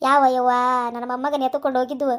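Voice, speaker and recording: Woman doing a shrill, fast cursing granny. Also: flat delivery, natural voice. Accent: North Karnataka Kannada. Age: older. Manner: scolding, heaping curses. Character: fiery cursing old grandmother, sharp-tongued. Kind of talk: cartoon voice acting.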